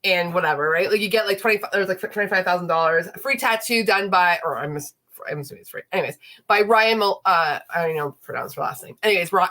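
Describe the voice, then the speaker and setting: A woman in her late thirties hosts a casual livestream chat, her mid-range voice bright and forceful despite sounding stuffy and congested from an illness that won't quite go away. She's chatty and rambles, leaning on frequent fillers.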